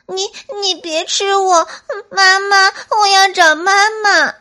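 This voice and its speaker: A woman's voice: extremely high pitch, fairly even intonation, slow pace, sharp tone, voice pushed up, heavily acted. A woman voicing a small, timid young squirrel boy in a bedtime story, stammering and tearful. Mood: scared tearful.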